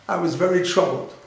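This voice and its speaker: Male rabbi lecturer, higher pitch, anecdotal storyteller, very roomy hall sound. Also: a little hiss or hum. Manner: anecdotal, repeats phrases, acts out dialogue. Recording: very echoey lecture room.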